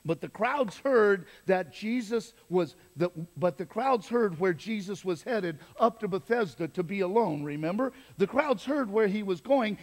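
A man pastor giving an animated, emphatic sermon to his church, with asides to the congregation. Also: sits high. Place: church sanctuary. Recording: long reverb of a church hall.

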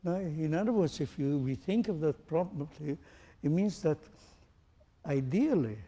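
Guy lecturing a class and firing questions at them, bit high voice, echoey big hall. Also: a little slow, husky. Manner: questioning, demonstrating, animated. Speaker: teacher. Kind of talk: interactive lecture to a group.

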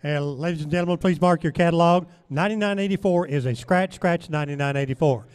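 Male auction announcer, slightly high voice, formal lot-by-lot reading. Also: fast, clear, resonant tone.

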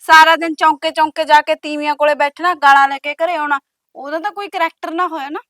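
Bossy, scheming sister-in-law, high voice, dry close mic. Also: female voice, steady tone, fast, fairly bright tone, no room sound. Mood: contemptuous. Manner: taunting, bossy, mocking. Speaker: actress. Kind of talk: village family drama acting.

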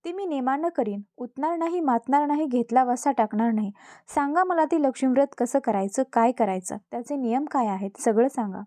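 A humble young princess pleading gently and politely with an old woman, as a woman narrator puts her on. Her voice is high and warm-toned, recorded close and dry. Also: expressive, measured pace, dry recording. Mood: pleading, gentle.

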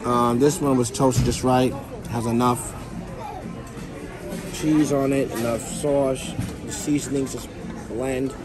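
A man's voice: mid-range voice, steady tone, takes it slowly, pauses often. A man food-tasting on a cruise ship deck, talking with food in his mouth and repeating his praise. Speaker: food reviewer. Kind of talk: casual food taste-test vlog. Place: outdoor cruise ship dining area. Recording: noisy deck with music and crowd. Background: music and crowd chatter.

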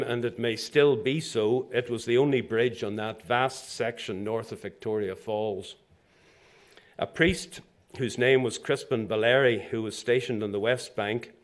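An older man from Zambia giving a formal inaugural address as president of a professional institution, speaking from a lectern in a lecture hall with measured delivery and dry asides. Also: medium pitch. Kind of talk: formal prepared speech.

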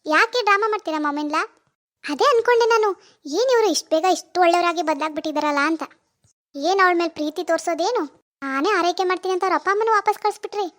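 A woman voicing a nosy young daughter-in-law in an animated family drama, loud and pushy with accusing questions. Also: extremely high pitch, fast.

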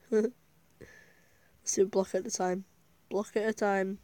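A woman's voice: mid-range voice, little pitch movement, slow pace, warm tone, no room sound. A woman chatting casually to viewers while she plays a game, giggling often and talking herself through each step. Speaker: gaming video creator. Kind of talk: casual gameplay commentary.

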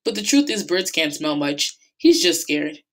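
A woman's voice: sits low, big pitch swings, a little slow. A woman voicing an earnest teenage boy who looks after young falcons, speaking a bit breathlessly. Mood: gentle.

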